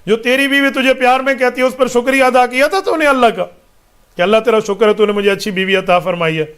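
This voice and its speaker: A man, an Islamic scholar, answering questions in a religious talk, admonishing with rhetorical questions and slowly reciting Arabic verses. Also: very high-pitched, a bit bright, smooth.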